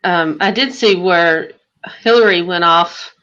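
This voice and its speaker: Female panelist, lowish voice, hesitant and offhand, muffled lo-fi recording. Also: slow pace, a bit bright. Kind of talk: casual panel discussion. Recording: dull lo-fi audio.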